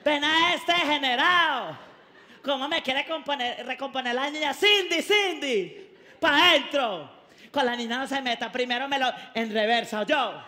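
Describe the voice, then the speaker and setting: A man voicing a protective mother-in-law in shrill, scolding yells, in a reverberant hall. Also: a little slow, exaggerated voice. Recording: reverberant hall, faint noise.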